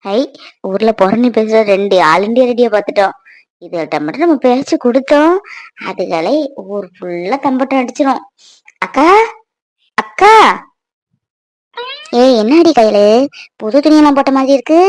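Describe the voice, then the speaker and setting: A vain, gossipy young village woman in a cartoon chatters and shows off, voiced by a woman. Her voice is high and lively, recorded close with no room sound. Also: normal speed, pauses often, dry recording, natural voice. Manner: showy, gossipy, giggly chatter. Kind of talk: cartoon voice acting.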